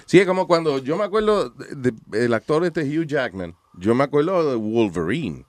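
A man's voice: medium pitch, sing-song, normal speed, dry recording. A man hosting a radio talk show, joking and switching between Spanish and English. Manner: mixes Spanish and English, jokey. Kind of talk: casual radio banter.

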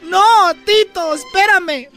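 A man with a Mexican accent voicing a prisoner's sly wife in a shrill, high falsetto. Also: takes it slowly, pushed and bright, faint music behind, heavily acted. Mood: pleading, sly.

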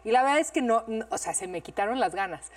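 A woman with a Mexican accent in casual chat, telling an animated, nostalgic story from her childhood. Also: on the high side, fast talker. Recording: distant mic.

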